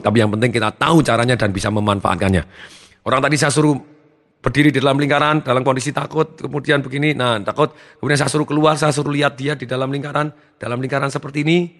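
Guy running a motivation seminar, rapid fire, big echoey hall. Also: medium pitch. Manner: energetic, acts out his students' lines. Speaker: motivational trainer. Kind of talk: seminar talk.

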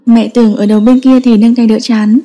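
A woman reading a story aloud as narrator, in steady scripted audiobook narration. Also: on the high side, brisk. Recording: long reverb.

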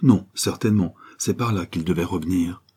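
A man's voice: deep voice, moderate pace, warm tone, husky. A man voicing a frail, grieving young man who trembles as he speaks in an audiobook reading. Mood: shaken. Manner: trembling, tearful.

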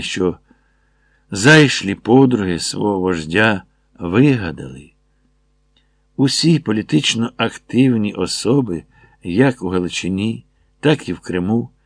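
A man narrating an audiobook in a measured, expressive reading. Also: on the low side, dry recording.

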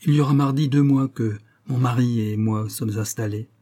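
A man's voice: mid-range voice, fairly even intonation, normal speed, warm tone, close to an everyday voice. A man reading a novel aloud, voicing a young noblewoman who speaks half tenderly and half mockingly. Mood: teasing.

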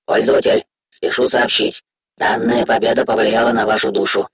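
A man reading an audiobook, voicing a machine-like system interface that makes formal, monotone announcements to its user. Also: lowish voice, moderate pace, breathy edge, no room sound. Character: cold flat system interface voice addressing user.

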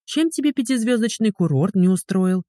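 A narrator voicing a sharp-tongued, quarrelsome young woman who mocks a man in an audiobook. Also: mid-range voice, lively intonation, normal speed, no echo, studio quality, pitched above the performer's own voice, lightly acted. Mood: sarcastic. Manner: sarcastic, mocking. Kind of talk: audiobook character voice.

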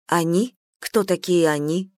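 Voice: mid-range voice, unhurried, no room sound, studio quality, natural voice. A reader voicing a tense young woman soldier who speaks in curt, urgent questions.

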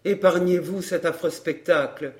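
A man's voice: sits high, steady tone, moderate pace, lightly acted. A man reading an earnest young lover. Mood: urgent. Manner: earnest, urgent. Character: devoted young man in love.

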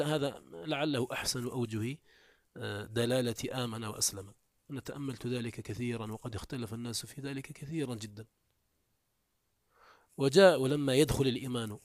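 A male teacher with a somewhat high voice lectures on grammar, working through examples step by step. He keeps checking that his listeners follow and recites rhymed prose aloud. His voice swings between raised emphasis and low, quiet asides, and the recording is close and dry. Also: no echo. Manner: explains step by step, often checks understanding with quick questions. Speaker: teacher of Arabic morphology. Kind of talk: classroom lecture.

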